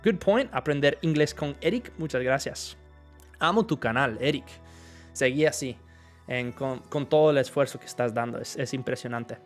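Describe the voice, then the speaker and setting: A man's voice: mid-range voice, moderate pace, faint music behind. A young man teaching live in Spanish, greeting viewers by name. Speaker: English teacher on a livestream. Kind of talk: live Spanish-language English lesson.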